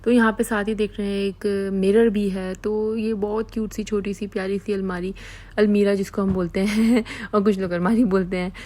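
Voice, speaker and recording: A woman's voice: medium pitch, flat delivery, moderate pace, warm tone, poor audio. A woman from Pakistan giving a chatty, affectionate vlog tour of her small apartment, repeating words like "pyari si". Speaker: vlogger.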